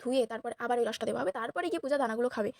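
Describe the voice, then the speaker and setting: A young woman with a Bengali accent, slightly hoarse, chatting and teasing her friends as she narrates a casual vlog to viewers. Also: a little high, expressive, racing, darkish tone, dry recording, studio quality. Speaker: vlogger.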